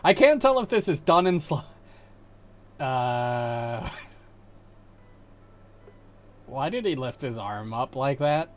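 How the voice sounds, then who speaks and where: A man streaming a video game, reacting excitably, laughing and swearing freely. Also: mid-range voice, slow, pauses often, slight background noise. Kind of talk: live game commentary.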